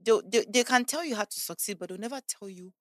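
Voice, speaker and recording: A woman in her 20s chats animatedly as a podcast guest, acting out the voices of people she quotes. Her medium-pitched voice moves quickly in a clean studio recording with no room sound.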